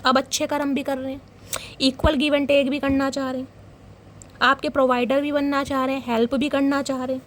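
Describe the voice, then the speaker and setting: A young woman reading tarot cards for her viewers. She talks in a dramatic, animated way and keeps calling them guys. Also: sits high, normal speed. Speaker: tarot reader.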